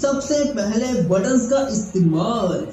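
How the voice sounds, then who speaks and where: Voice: mid-range voice, lively intonation, slow, heavy reverb, rough recording. A facts channel narrator giving an earnest voice-over and addressing viewers directly.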